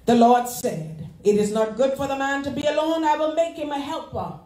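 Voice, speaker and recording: High-voiced woman preaching in echoey church. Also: moderate pace. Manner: preaching with call-and-response, animated and laughing. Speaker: associate pastor. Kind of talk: sermon.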